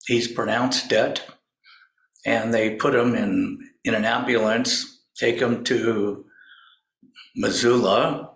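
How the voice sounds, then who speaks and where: Male speaker, slow halting storyteller, gravelly voice, roomy echo. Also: medium pitch, steady tone, fairly bright tone. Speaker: spiritual speaker. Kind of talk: storytelling talk.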